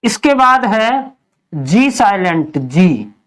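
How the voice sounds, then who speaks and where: Slow, patient male English teacher. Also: high voice, very animated, fairly bright tone. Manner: spells out letters slowly and drills with repeated questions; patient, explanatory. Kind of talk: step-by-step spoken lesson.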